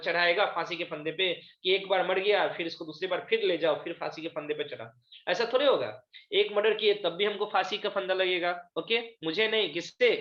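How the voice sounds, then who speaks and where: A man teaching an English lesson, reading lines from a play slowly and explaining each one in Hindi, with frequent check-ins to his students. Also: sits high. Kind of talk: online class lecture, reading a play aloud and explaining in Hindi. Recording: echoey room, dull lo-fi sound.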